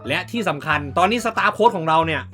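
Brief: bright, high-voiced man, excitable gameplay commentator who swears, faint music underneath. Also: fast. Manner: excitable, swears, talks to viewers. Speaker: gaming YouTuber.

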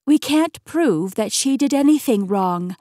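Audiobook: measured, patient immortal keeper, woman reading, a touch high, dry close sound. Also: lively intonation, mellow, no room sound. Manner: measured, explanatory. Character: poised immortal woman keeper explaining history.

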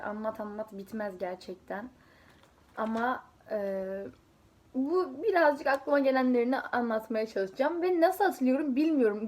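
A chatty young woman talks straight to her viewers, telling her stories in a loose, rambling way. Her voice sits a little high, and she keeps breaking off into asides and small giggles. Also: darkish tone. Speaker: vlogger; student preparing for an exam. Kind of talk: casual storytelling to camera.

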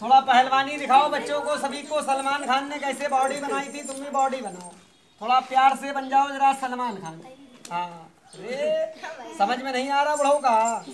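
A man running a street monkey show, calling out loud teasing commands to the animals. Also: extremely high pitch, moderate pace. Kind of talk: showman's patter to a crowd. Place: outdoors at a school ground. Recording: crowd noise around. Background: children's crowd.

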